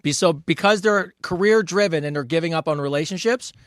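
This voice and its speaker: A man in his forties talks with a somewhat high pitch in a casual podcast chat, sounding dry and close. He is chatty and agreeable and laughs along easily with his co-host. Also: fairly quick, fairly bright tone, no room sound. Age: 40s.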